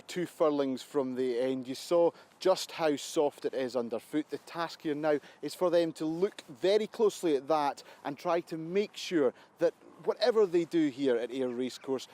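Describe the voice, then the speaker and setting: A man's voice: fairly high pitch, darkish tone. A man delivering a broadcast news report as a reporter.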